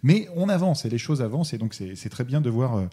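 A man hosting a casual film podcast, steering the talk in a quick, offhand way. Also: mid-range voice, big pitch swings, dark tone, slightly rough. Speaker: podcast host.

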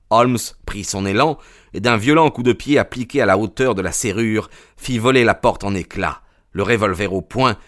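A man narrating an audiobook in a measured, dramatic storytelling manner. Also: lowish voice, a bit bright, no room sound, clean studio sound.

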